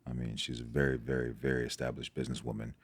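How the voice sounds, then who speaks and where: This guest, a man born in Nigeria whose first language is Igbo, speaks fast in a creaky bass with a breathy edge and little pitch movement. In casual interview talk he is reflective, restarting sentences and repeating words often. The recording is dry.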